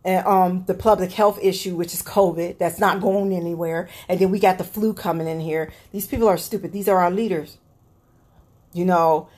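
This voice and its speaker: A woman's voice: lowish voice, steady tone, moderate pace, a little mellow. Woman, solo podcast host, blunt, swearing, exasperated. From Cleveland area. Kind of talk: solo political rant podcast.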